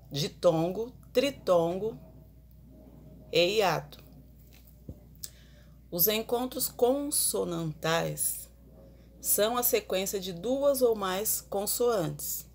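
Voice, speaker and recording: A woman teacher giving an online grammar lesson, explaining slowly and putting questions to the class. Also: on the low side, darkish tone.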